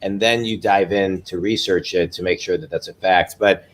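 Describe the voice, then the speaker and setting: A man's voice: deep voice, fairly even intonation, normal speed. A man in his forties hosting a business interview over a video call, eager and often repeating words as he starts a thought. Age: 40s. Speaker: host.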